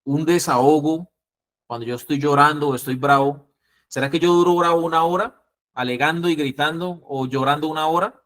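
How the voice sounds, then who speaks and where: Colombian man teaching a lively class. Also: fairly high pitch, normal speed. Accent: Colombian Spanish. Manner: lively, acts out calming phrases. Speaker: instructor.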